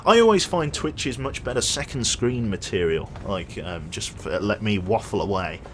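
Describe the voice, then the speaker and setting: A young man streams a game and rambles casually with his viewers, reading chat aloud and joking. His voice is on the low side with lively intonation and a normal pace, and there's a little hiss or hum.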